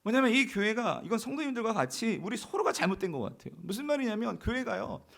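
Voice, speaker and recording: A man's voice: sits high, lively intonation, fast, creaky, fairly bright tone. A male pastor preaching a sermon, putting questions to the congregation as his voice rises and falls. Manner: calls out to the congregation with questions, voice swelling and dropping.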